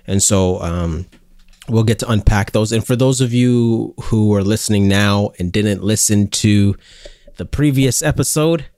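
Low-voiced man co-hosting a podcast. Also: darkish tone, dry recording, studio quality. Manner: halting, many fillers and restarts. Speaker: podcast co-host. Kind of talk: casual podcast chat.

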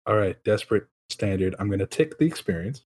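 A man with a lowish voice plays in a tabletop role-playing game. He explains his character's plans casually, dropping quick jokes along the way. His delivery is relaxed and chatty. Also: husky. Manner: joking, quick asides. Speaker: player.

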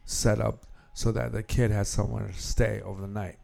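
A man's voice: on the low side, flat delivery, moderate pace, creaky, darkish tone. An American man hosting an amateur podcast in a casual, conversational style. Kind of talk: casual chat.

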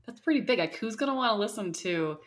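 A woman's voice: medium pitch, expressive, fast talker. A young adult woman chatting casually as a podcast co-host.

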